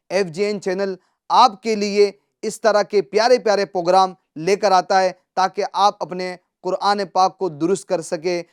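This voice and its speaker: A Quran teacher on a televised reading lesson who recites words slowly and drawn out, then explains briskly, asking questions and answering them. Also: medium pitch.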